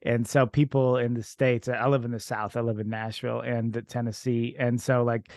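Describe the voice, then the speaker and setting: A man's voice: mid-range voice, flat delivery, moderate pace, a little mellow, no echo, studio quality. Russian-speaking man hosting a podcast. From Ukraine. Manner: rambling, many fillers and restarts. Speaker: podcast host. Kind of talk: casual interview.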